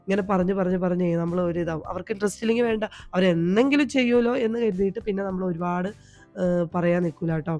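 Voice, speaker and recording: A woman vlogger with a Malayali accent, hoarse from a cold, chatting homely in a voice-over about her day. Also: lowish voice, quick pace, no room sound, soft background music. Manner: chatty, homely, tags sentences with a soft "ട്ടോ". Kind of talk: home vlog voice-over. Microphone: voice-over recorded at home.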